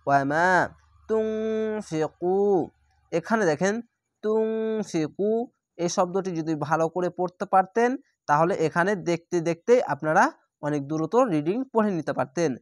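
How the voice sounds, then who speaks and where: Man slowly spelling out recitation syllables. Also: on the high side, dry recording, studio quality. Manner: slow, drawn-out spelling of syllables; stretches recited words very long. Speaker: Quran reading teacher.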